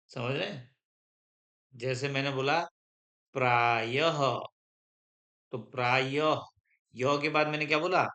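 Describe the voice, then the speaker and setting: Slow, bright-voiced male grammar teacher. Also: mid-range voice. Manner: slow, repetitive, keeps checking understanding. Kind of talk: classroom grammar lesson with dictation.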